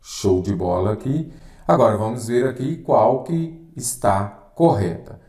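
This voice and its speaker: Brazilian male tutor, lowish voice, insistent, roomy echo. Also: expressive, a little slow, dark tone. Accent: Brazilian Portuguese. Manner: emphatic, repeats "correto?" and "anote aí". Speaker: Portuguese teacher. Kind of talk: exam-prep lesson.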